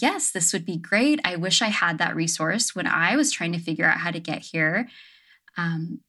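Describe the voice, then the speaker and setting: In a lowish voice with a sharp tone, a young adult woman reflects casually as an interview guest from her home on an island. She leans heavily on "um" and "like."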